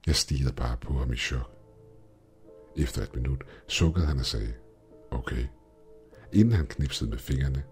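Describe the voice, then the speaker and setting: A man narrating a scripted horror story in a measured, dramatic way. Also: a bass voice, a little mellow. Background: faint music.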